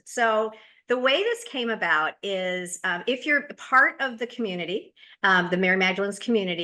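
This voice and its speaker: Woman from the States, podcast host, bright and forceful tone, chatty and loose. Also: mid-range voice. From United States. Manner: chatty, with frequent fillers and restarts. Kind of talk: casual interview introduction.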